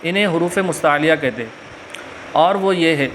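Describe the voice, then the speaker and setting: A man with a Pakistani Urdu accent teaching a religious lesson and stretching out letter sounds slowly, with filler pauses. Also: fairly high pitch, fairly bright tone, a little hiss or hum. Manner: slow drawn-out letter recitation with frequent filler pauses. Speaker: Quran reading teacher. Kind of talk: religious lesson with Arabic invocations.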